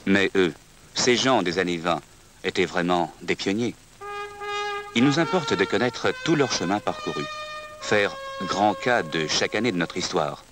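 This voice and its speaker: A man reads scripted historical documentary narration in a measured, solemn manner. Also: low voice, lively intonation, music in the background.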